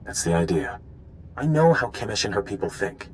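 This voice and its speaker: Over a low-quality recording, an actor with a fairly low pitch gives a sing-song, moderately paced reading as an earnest, scheming male informant working undercover in a video game. The delivery is urgent and conspiratorial, full of plotting.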